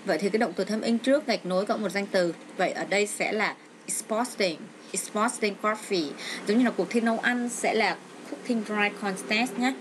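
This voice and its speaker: This exam walkthrough comes from a middle-aged English teacher at home, with a child nearby and plenty of background noise. Her medium-pitched voice moves at normal speed with hardly any pauses, though she uses many hesitant fillers as she goes step by step.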